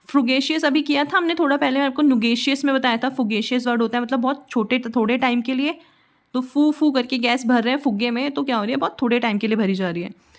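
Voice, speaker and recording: A woman with a somewhat high voice gives a vocabulary lesson. She explains each word with a memory trick, repeating and spelling things out patiently. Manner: patient, repeats words slowly and spells them out. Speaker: vocabulary teacher.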